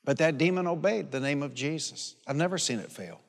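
This preacher, a man of sixty-seven, speaks at a fairly high pitch and a fairly quick clip. Addressing a congregation in a large hall or church, he tells personal stories, repeats phrases emphatically in a folksy way, and calls for amen, all under long hall reverb.

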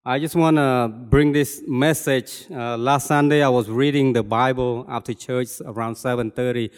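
In a church hall where a long reverb follows each phrase, an older Cambodian lay preacher, a native Khmer speaker, gives his testimony with an accent. He is earnest and plainspoken but halting, repeating himself as he hunts for words, and his smooth, resonant voice is medium-pitched with fairly even intonation.

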